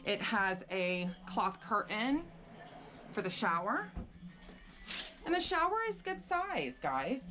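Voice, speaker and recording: A woman's voice: medium pitch, big pitch swings, slow, pauses often, bright, forceful tone, slight background noise. A woman vlogger chatting casually as she walks through and shows a room, a little out of breath. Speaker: vlogger giving a room tour. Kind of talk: casual room tour narration.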